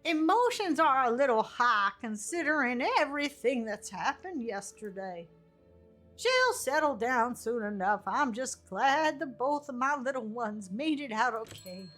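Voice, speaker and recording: Woman acting old lady, game character, kindly, reassuring, hesitant, fairly high pitch, slow. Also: lively intonation, fairly bright tone, faint music behind. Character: kindly old woman, motherly small-town tea shop keeper. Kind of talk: amateur character voice while reading a game aloud.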